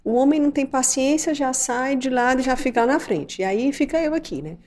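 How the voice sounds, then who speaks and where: A woman's voice: high voice, lively intonation, brisk, a little mellow. A middle-aged woman with a Brazilian accent, a doctor and mother hosting a podcast, who tells stories animatedly and acts out the scenes. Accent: Brazilian Portuguese. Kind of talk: casual podcast conversation.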